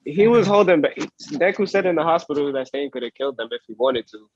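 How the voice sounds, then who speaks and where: Higher-voiced man on a dull lo-fi mic. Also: animated, quick pace, a little hiss or hum. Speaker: podcast co-host. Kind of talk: casual chat.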